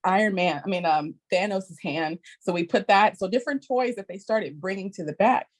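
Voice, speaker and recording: A woman educator telling a story on a podcast in a lively, animated way, acting out children's voices. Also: medium pitch, moderate pace. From Texas. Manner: lively, acts out kids' voices with squeals. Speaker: early childhood educator guest.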